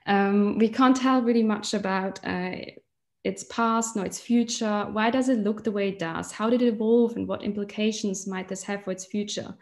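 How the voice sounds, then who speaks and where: A woman's voice: medium pitch, fairly even intonation, moderate pace, darkish tone. A young woman from Switzerland, a doctoral researcher, giving an online lecture from a museum collection room and explaining while holding up specimens. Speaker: PhD researcher.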